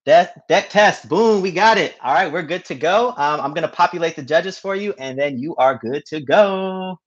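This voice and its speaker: A man's voice: on the high side, moderate pace, dull audio. A man hosting an online event in an upbeat, casual chatty style, often repeating short phrases. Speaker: event host. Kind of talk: casual, informal hosting chat.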